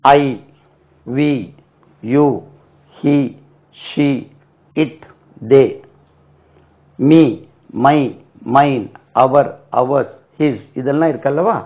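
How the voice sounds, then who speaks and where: A man with a Tamil accent teaching spoken English in a classroom lesson, spelling words letter by letter and repeating them slowly. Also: on the high side, steady tone. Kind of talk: classroom lesson explaining pronunciation. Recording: dull lo-fi lesson recording.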